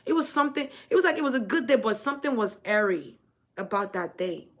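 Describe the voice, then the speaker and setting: A woman's voice: fairly high pitch, animated, fast talker. A woman from Nigeria giving a spiritual reading to camera, talking chattily and often repeating and rephrasing herself. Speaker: spiritual reader. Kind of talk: casual psychic reading monologue.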